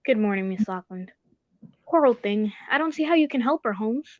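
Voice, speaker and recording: Lady playing the detective's doctor pal in a radio play, polite, bit fussy, highish voice, slightly muffled. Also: animated, normal speed, dry recording, lightly acted. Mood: polite, curious. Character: genteel doctor, the detective's protective, mildly exasperated friend. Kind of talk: radio drama acting.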